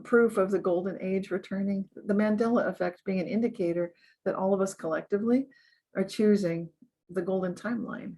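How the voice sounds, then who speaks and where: A woman guest in an interview, talking earnestly and upbeat, often laughing and growing animated as she gives advice. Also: mid-range voice. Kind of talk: conversational interview.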